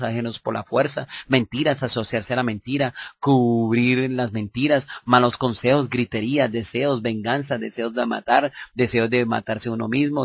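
A man giving a religious lesson to listeners, explaining step by step, checking in with them, and reading a long list briskly, with stumbles and self-corrections along the way. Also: medium pitch, gravelly, fairly bright tone, slightly rough, no echo. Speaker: religious teacher.

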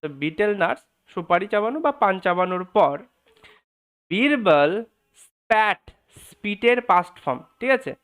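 Male English tutor, high smooth voice, explains each word patiently. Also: expressive, normal speed, hardly any pauses, a bit bright. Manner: translates and spells words aloud, asks and answers his own questions. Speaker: English teacher. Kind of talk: explaining a story line by line.

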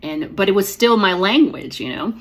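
A poet and author in her forties, with a slight lisp, reflectively tells a personal story to camera from a small room at home. Her mid-range voice is expressive and fairly bright at a moderate pace, and she comes across as earnest, with fillers and restarts. A device camera captures her at close framing.

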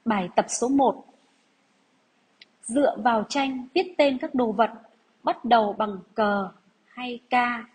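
A woman primary school teacher giving a dictation lesson to young pupils, deliberate and measured, repeating phrases. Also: a little high, darkish tone, slightly rough, rough recording.

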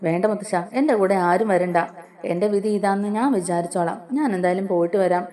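A woman plays a young wife who complains and sneers in a fast, mellow voice. She is plaintive one moment and scheming the next. The delivery is a brisk spoken recap. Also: on the low side, steady tone, lightly acted. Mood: hurt defiant. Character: young wife, tearful yet scheming and spiteful.

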